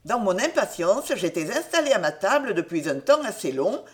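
A woman narrating a classic novel in an expressive storytelling voice. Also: mid-range voice, normal speed.

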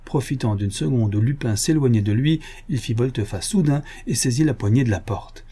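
A man narrating an audiobook in a steady, measured storytelling manner. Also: mid-range voice, husky. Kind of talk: scripted narration.

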